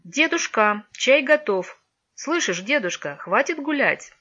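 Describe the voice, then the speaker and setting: A woman voicing a lively young girl calling out brightly, on a dull lo-fi recording. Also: high-pitched, a little slow, pitched above the performer's own voice, full character voice.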